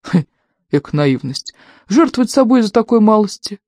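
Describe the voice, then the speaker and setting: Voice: medium pitch, very animated, normal speed, a little mellow, no echo, pitched above the performer's own voice. A reader doing a sardonic loyal servant. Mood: mocking. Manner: dry mocking banter. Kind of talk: audiobook character voice.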